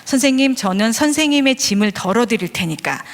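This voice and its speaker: A woman doing a gruff North Korean man. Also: a little high, expressive, fairly quick. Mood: sheepish. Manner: curt, clipped dialect. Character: gruff middle-aged North Korean man, blunt and impatient. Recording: long hall reverb.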